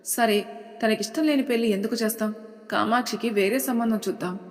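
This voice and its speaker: A woman storyteller voicing an elderly grandfather who scolds firmly with calm authority; the recording has a long hall reverb. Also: a little high, brisk, natural voice. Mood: stern. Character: stern elderly grandfather, head of family.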